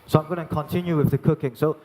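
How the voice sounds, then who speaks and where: A young man from Hong Kong, working as a chef, giving a live cooking demonstration and explaining each step in a halting way with many restarts. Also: fairly high pitch, fairly even intonation, mellow. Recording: long reverb in a large hall.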